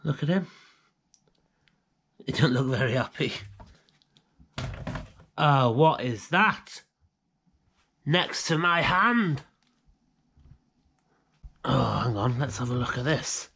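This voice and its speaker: Speaking slowly and pausing often, a British urban exploration vlogger offers casual commentary as he walks through rooms of an abandoned house with a gimbal-mounted handheld action camera. His mid-range voice is animated, gravelly and bright, with a forceful tone and a breathy edge.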